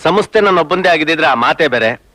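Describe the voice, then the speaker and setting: A man's voice: on the high side, expressive, quick pace, sharp tone, no echo. An actor playing a shrewd businessman and father who talks persuasively, in a film scene. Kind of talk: film dialogue.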